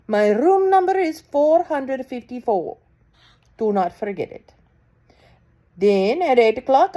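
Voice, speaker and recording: A cruel old witch queen, as a woman reader puts her on snaps out her orders in a high, piercing voice. Her commands jump sharply up and down. She is loud, sweeping and imperious.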